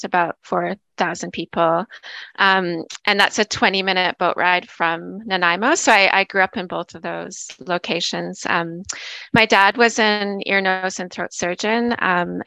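Woman, bright voice, dry close sound, middle-aged, from Vancouver Island, chatty and reflective. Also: fairly low pitch, vocal fry, no room sound. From Canada, Vancouver Island. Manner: warm, reflective, laughs often, many "um"s. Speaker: guest, associate professor. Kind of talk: casual interview conversation.

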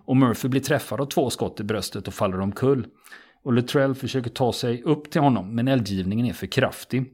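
A man retelling a true story in a relaxed podcast conversation, steady and matter-of-fact, with frequent small fillers. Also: mid-range voice, slightly rough.

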